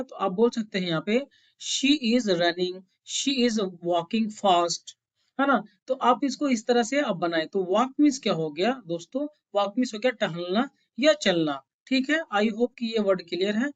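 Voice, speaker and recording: A woman's voice: medium pitch, highs cut off. A woman English teacher giving a spoken lesson, explaining patiently, repeating words and checking that listeners follow.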